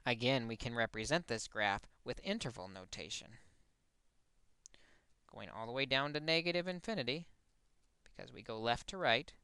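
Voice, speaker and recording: A man explains a math lesson step by step, his voice smooth but a little gravelly at the edges. He is recorded close and dry, with no room sound around him. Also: mid-range voice, sharp tone, no room sound. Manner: explains step by step, corrects his own slip. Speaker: math teacher.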